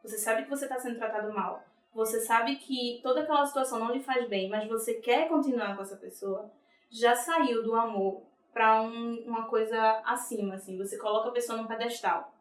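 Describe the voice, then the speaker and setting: A woman's voice: a little high, steady tone, brisk, reverberant, distant mic. A young woman giving a personal testimony in an interview, steadily recounting a painful memory and voicing both sides of the conversation.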